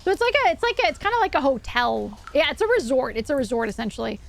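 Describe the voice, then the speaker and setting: A woman's voice: high voice, very animated, fast talker. A woman livestreamer chatting casually and reading aloud with asides, in a cute, bubbly, enthusiastic anime-streamer manner. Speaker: horror livestreamer. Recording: clear background noise.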